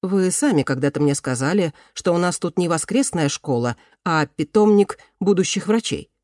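A narrator voicing a confident young woman doctor in an audiobook, calmly instructing students. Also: mid-range voice, normal speed, no room sound, clean studio sound, natural voice. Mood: pointed. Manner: calm, instructive. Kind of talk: audiobook character reading.

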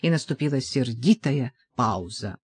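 A reader narrating a children's audiobook chapter in an animated way. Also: medium pitch, a little slow, slightly rough. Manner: animated, with many character voices.

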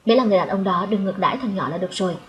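Calm woman narrating an audiobook. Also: mid-range voice, rapid-fire, poor audio. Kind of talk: first-person story narration.

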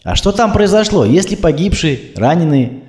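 A man's voice: on the high side, very animated, moderate pace, a little mellow, pitched above the performer's own voice. A polished male radio presenter, voiced by the reader, delivering traffic news in a lifted announcer's tone. The recording has a roomy echo. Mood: announcing.

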